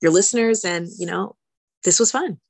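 A woman's voice: mid-range voice, normal speed, vocal fry, slightly rough, dry recording. A woman speaking casually as an interview guest, explaining things conversationally and repeating words for emphasis. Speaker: podcast guest, healthcare lawyer.

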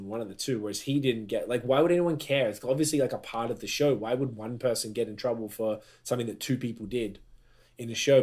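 A man hosting a podcast in casual chat, rambling and slangy, often hunting for words. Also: mid-range voice. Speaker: podcast host.

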